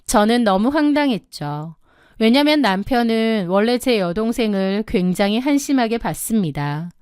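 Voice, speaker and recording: A woman in her thirties telling a first-person story in a measured, indignant way. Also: on the high side, expressive, darkish tone, clear, resonant tone, dry recording, studio quality. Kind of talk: scripted first-person narration.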